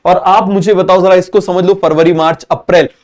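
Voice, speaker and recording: A man teaching a biology exam-prep lesson with a Hindi accent, talking fast and constantly quizzing students with repeated questions. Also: high-pitched, fairly even intonation, a little mellow.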